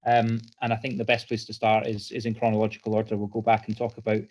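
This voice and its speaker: A man's voice: fairly low pitch, monotone, fast talker, darkish tone, rough recording. Male podcast host, level-toned, self-deprecating chat.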